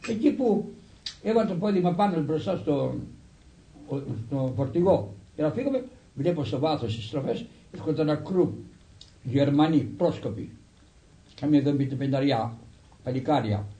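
An older man, a monk, recounting a personal story in a halting way, restarting words and acting out the dialogue he quotes. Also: a little high, animated, warm tone. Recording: echoey room.

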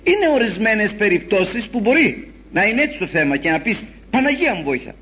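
A man preaching a sermon in an animated storytelling way, acting out the voices he quotes. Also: high-pitched, breathy edge. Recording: dull lo-fi recording.

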